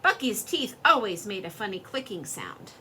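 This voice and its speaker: A woman reading a children's story aloud in an expressive, lively storytelling way. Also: medium pitch, moderate pace, a little hiss or hum.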